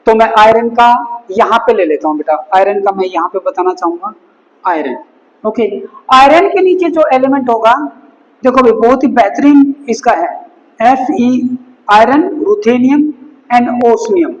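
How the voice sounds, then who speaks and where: High-voiced man teaching slowly, echoey room. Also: expressive. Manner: slow and repetitive, drills each word several times; mixes Hindi with English terms. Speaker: chemistry teacher. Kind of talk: classroom lesson. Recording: long reverb, echoey hall.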